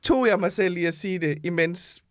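Man co-host, high voice, giggly and self-mocking, dry mic. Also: dry recording. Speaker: podcast co-host. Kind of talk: casual frank chat.

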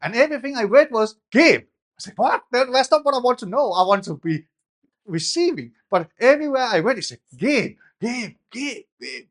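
A Danish man with a high, slightly bright voice gives an informal sermon, talking conversationally while restarting and repeating words. He is expressive at a moderate pace and rises into emphatic bursts when pressing a point.

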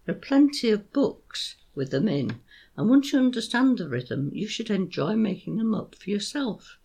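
A podcast host teaching how to write story poems, explaining slowly and reading lines aloud with a sing-song beat. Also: mid-range voice, very animated, creaky, warm tone, slightly rough. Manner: slow, sing-song rhythmic reading, tapping out beats.

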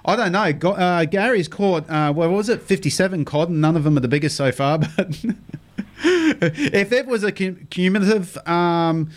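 Aussie queensland bloke on a radio fishing show, slightly high voice, matey and joking with callers. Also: expressive, moderate pace. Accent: Australian, Queensland. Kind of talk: casual phone-in chat about fishing.

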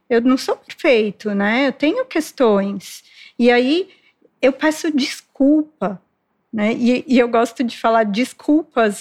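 A woman, a child development specialist, explaining calmly in a podcast conversation and acting out what parents say. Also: fairly high pitch. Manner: explanatory, acts out parents' lines.

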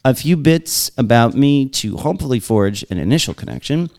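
Smooth-voiced Long Island man. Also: mid-range voice, animated, fairly quick, a little mellow. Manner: chatty, laughs often, breaks off reading for asides. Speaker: podcast host. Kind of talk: casual podcast chat, reading listener mail aloud.

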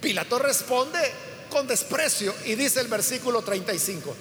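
With a very high-pitched, pushed, bright voice, this man speaks animatedly at a moderate pace. He's a preacher walking through a Bible passage step by step and dramatizing the quoted dialogue emphatically, recorded with hall reverb and faint room noise.

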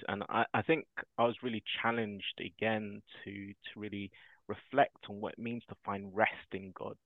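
A lowish-voiced man talks earnestly and thoughtfully, as if sharing a personal reflection. The sound is dry and thin, with a tinny, phone-like quality. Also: dry recording. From South London. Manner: earnest, thoughtful, laughs while telling stories. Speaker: podcast guest. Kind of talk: reflective conversational storytelling.

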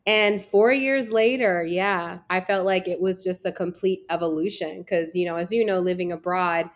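A woman's voice: lowish voice, normal speed. An American woman from Virginia, a travel business founder, talking as a guest in an interview in a chatty, storytelling way. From Virginia, USA. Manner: chatty, storytelling, frequent "like" fillers. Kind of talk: casual interview talk.

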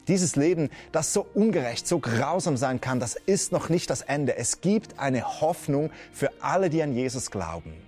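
A man's voice: mid-range voice, very animated, moderate pace, few pauses, a little mellow, soft background music. A man preaching a sermon to a video audience. He earnestly asks the viewer direct questions and drops in casual interjections. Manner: colloquial interjections.

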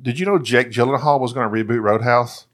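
A man hosting a podcast in casual comedic banter, with a slightly whiny voice and a mock-calm, restrained way of talking. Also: mid-range voice, a little fast. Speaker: podcast host.

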